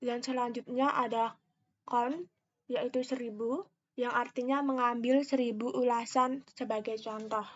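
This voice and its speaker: A young woman with a fairly high, steady voice narrates a step-by-step screen tutorial like a student, explaining each step carefully and very slowly with some hesitation. Her microphone sounds slightly muffled and lo-fi.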